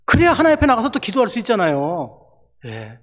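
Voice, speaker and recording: A man's voice: high-pitched, wildly swooping pitch, quick pace. A man preaching a sermon to his congregation as a missionary pastor, telling his stories with animation and acting out the lines he quotes. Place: church sanctuary. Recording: long church reverb.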